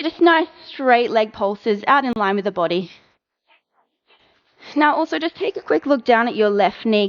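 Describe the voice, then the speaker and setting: A woman fitness instructor cueing a workout, coaching with brisk encouragement and counting down the reps. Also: a little high, muffled recording.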